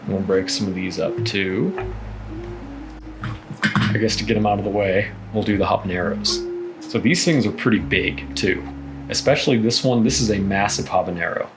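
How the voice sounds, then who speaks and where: A man with a fairly low voice hosts a casual home cooking vlog. He rambles through each step in a laid-back, unpolished way, swearing freely. Guitar music plays clearly behind his talk. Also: normal speed, rough recording. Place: home kitchen.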